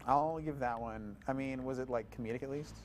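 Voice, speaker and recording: A young man co-hosting a casual chat on a student TV show, wry and playful, handing out quick verdicts. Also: medium pitch, a little hiss or hum. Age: young adult. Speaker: co-host. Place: college TV studio. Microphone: wearing a microphone.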